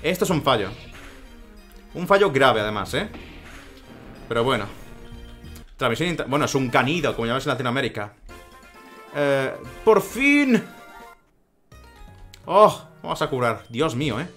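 A man's voice: mid-range voice, lively intonation, a little fast, long pauses, a bit bright, faint music behind. A man with a Spain Spanish accent doing gameplay commentary in a sarcastic, swearing, ranting manner. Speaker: let's play commentator.

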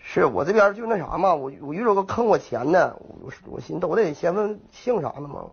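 A man's voice: high voice, lively intonation, fairly quick, gravelly, breathy edge. A young man with a Northeastern Mandarin accent rambling through a prank phone call with feigned innocence. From Northeast China. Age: young adult. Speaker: prank caller.

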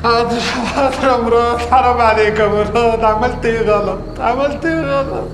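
Naive whiny Egyptian captive, high quick voice, echoey hall, score behind. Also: male voice, steady tone, far from the mic, noisy background. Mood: pleading. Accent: Egyptian Arabic. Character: dim, hungry young man tied up by kidnappers.

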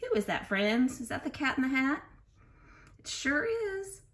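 Her voice sits high and her speed is normal as she reads a picture book aloud to young children. Teacher-like, she speaks expressively and carefully, slipping in explanatory asides and questions.

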